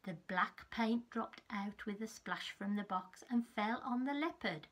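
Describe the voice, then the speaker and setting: A teacher in her fifties reads a storybook to young children in a small furnished room at home. Her mid-range voice is slightly husky, and her reading is measured and expressive.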